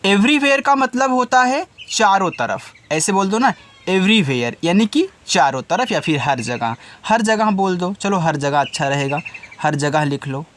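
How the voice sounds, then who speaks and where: A man's voice: sits high, lively intonation, unhurried, a bit bright, a little hiss or hum. A man giving a casual spoken English lesson as a teacher, patient and repetitive, often asking his listeners questions. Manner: patient, repeats each step, often asks listeners directly.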